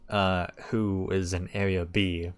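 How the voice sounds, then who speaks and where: A man's voice: low-pitched, flat delivery, slow, soft background music. A young man talking casually and candidly to camera at home, in a rambling, hesitant way. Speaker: vlogger. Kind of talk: casual vlog talk.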